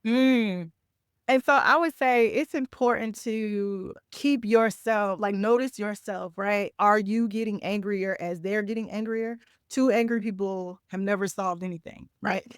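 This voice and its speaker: A woman's voice: mid-range voice, fairly even intonation, a little slow, clear, resonant tone, no room sound, studio quality. A woman, a trauma recovery coach, giving advice in an interview in a conversational way, often checking in with "right?".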